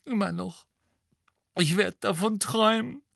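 A man voicing a grief-stricken middle-aged witch mother who is crying and wailing in a high, strained voice. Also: a little slow, vocal fry, a bit bright, dry recording, clean studio sound, full character voice. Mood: tearful moaning.

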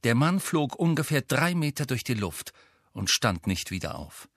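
Man, audiobook narrator, steady storytelling, bright tone, dry close sound. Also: mid-range voice, normal speed, dry recording. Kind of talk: scripted narration.

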